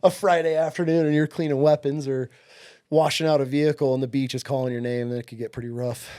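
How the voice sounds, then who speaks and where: This late-thirties man from upstate New York, a Marine veteran, guests on a podcast and tells stories in a relaxed interview style, cursing and dropping "dude" and "like" constantly. His voice is mid-range and smooth with a dark tone, fairly even in intonation and quick in pace.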